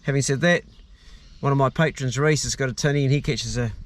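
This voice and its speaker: A man's voice: medium pitch, a little fast. A man with a broad New Zealand accent chatting casually in a laid-back, matey, slangy way as he vlogs outdoors. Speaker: vlogger. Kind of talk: casual outdoor vlog chat and commentary. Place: outdoors on a farm and small boat. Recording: loud outdoor wind and boat noise.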